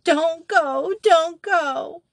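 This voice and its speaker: A woman's voice: very high voice, very slow, dry recording, studio quality, pitched above the performer's own voice, full character voice. A woman voicing a frightened little girl trapped in a pit, sobbing and pleading. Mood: frantic.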